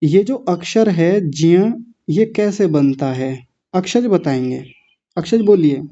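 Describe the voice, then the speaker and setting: Slow, dark-voiced male teacher drilling syllables. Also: fairly high pitch, expressive, dull audio. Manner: drills words syllable by syllable, patient and corrective. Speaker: Sanskrit pronunciation teacher. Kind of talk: online class lesson.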